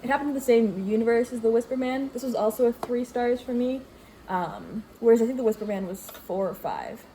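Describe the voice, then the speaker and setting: A woman's voice: on the high side, a little fast, dark tone, slight background noise. A young woman from Greece casually reviewing books she read, rambling with fillers and correcting herself. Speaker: book vlogger. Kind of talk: casual book review chat. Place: home with washing machine running.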